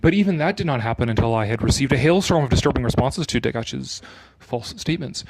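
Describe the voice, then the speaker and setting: A commentator reads an article aloud in a sarcastic, dramatic style, stopping now and then for casual, opinionated, mocking remarks with some swearing. His voice is medium-pitched, slightly mellow and husky, with lively intonation and a quick pace. The audio quality is poor.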